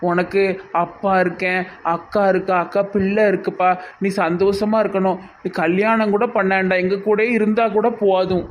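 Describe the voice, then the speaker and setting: A performer with a Tirunelveli Tamil accent playing a gentle village father who soothes and pleads with his son in a comic skit. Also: mid-range voice, flat delivery, normal speed, a little hiss or hum, natural voice. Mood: soothing.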